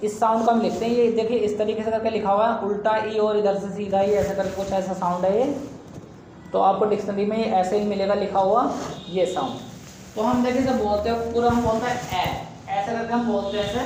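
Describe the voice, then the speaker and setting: A man's voice: sits high, a little mellow, slight background noise. Male teacher for a casual video class, chatty, keeps saying "guys", drags out demo sounds, very echoey room. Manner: keeps addressing viewers as "guys", stretching and repeating demo sounds.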